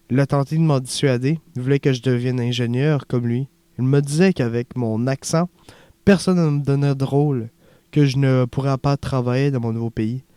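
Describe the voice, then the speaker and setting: A man reads a young refugee man in an audiobook who is haunted and earnest, confiding his story softly. The tone is dark and mellow, the voice smooth and resonant. The recording is close and dry. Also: mid-range voice, dry recording, lightly acted.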